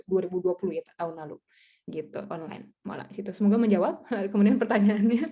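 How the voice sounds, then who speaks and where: A young adult woman speaking as a guest tutor in a casual webinar talk over a video call, chatty and animated, laughing often and acting out other people's replies. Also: medium pitch, quick pace, highs cut off. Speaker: guest speaker, French tutor and content creator.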